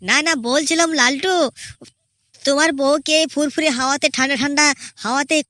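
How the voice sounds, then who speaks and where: Sneering cartoon henchman, woman voicing, high and bright, taunting. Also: fairly even intonation, brisk, dry recording, studio quality. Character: mocking male village thug, a local boss's henchman. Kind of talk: cartoon comedy dubbing.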